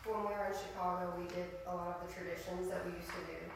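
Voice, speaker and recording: Congregation member, woman, casual sharing. Even delivery, distant mic with clear background noise. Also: fairly low pitch, fast. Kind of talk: casual personal testimony. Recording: echoey, distant, noisy church.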